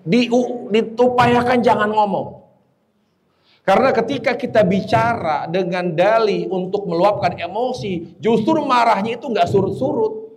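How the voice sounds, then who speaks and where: A man preaching a lively sermon, joking and quizzing his audience. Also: sits high, unhurried. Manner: joking, teasing the audience with questions. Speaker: Islamic preacher.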